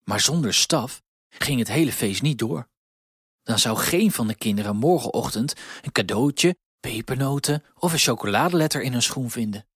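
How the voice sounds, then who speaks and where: A man narrating a children's storybook with expressive, clear delivery on a close mic. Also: medium pitch, normal speed, no echo.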